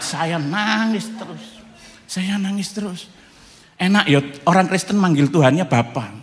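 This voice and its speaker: A man, a pastor giving a humorous testimony sermon in a lively storytelling manner that acts out the voices of the people in his story. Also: fairly high pitch. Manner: lively, jokey storytelling, acting out quoted voices. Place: church hall. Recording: reverberant church hall.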